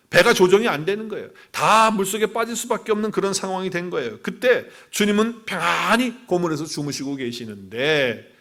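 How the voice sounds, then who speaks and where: At a livestreamed church service, a male pastor with a fairly high-pitched voice delivers a sermon. He swings animatedly between loud exclamations and quiet asides, poses questions to the congregation, and acts out quotes.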